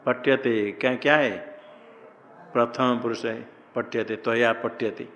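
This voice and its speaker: A man teaching Sanskrit grammar in a slow classroom lecture, posing questions and answering them himself. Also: medium pitch, fairly even intonation, fairly bright tone. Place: ashram classroom. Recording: long hall reverb.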